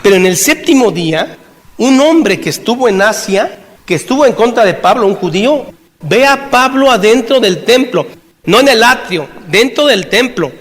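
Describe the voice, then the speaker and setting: A man from Mexico with a Mexican Spanish accent, preaching an animated Bible sermon and firing rhetorical questions at his listeners. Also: high voice, moderate pace. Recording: long hall reverb.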